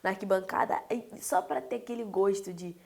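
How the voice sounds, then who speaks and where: A woman hosting a casual chat, telling animated stories. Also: fairly quick, a crowd in the background. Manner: animated storyteller, mimics people with loud high voices. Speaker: host.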